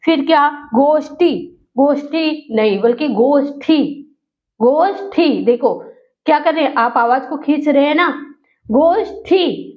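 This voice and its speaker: A woman teacher with a high voice walks her students through spelling and pronunciation. She says each word again and again, slowly and deliberately. The recording sounds dull and lo-fi. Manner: repeats words slowly to drill pronunciation. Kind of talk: spoken grammar lesson.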